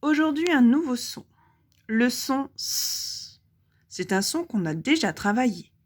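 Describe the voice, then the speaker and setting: A woman teaching a lesson for young children with a French accent, speaking clearly and pausing to let the child answer. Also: a little high, very animated. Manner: slow, clearly articulated, pauses for the child to answer. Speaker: primary school teacher.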